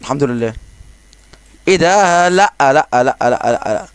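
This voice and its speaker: A man with an Egyptian Arabic accent giving casual, excitable commentary over his own gameplay, joking and exclaiming as he plays. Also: fairly high pitch, normal speed, clear, resonant tone, dry recording. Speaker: gaming channel host.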